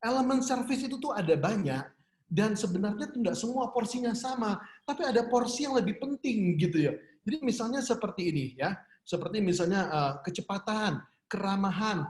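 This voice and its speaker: A man leads an online business seminar, chatty and quick to laugh as he puts questions to his audience. His voice sits a little high. The sound carries a roomy echo. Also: expressive, darkish tone.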